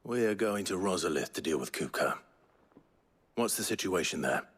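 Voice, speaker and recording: Very deep, resolute lord. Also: male voice, animated, normal speed, a bit bright, husky, full character voice. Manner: terse, determined. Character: grave, resolute young lord. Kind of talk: video game voice acting. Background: game music with plucked guitar.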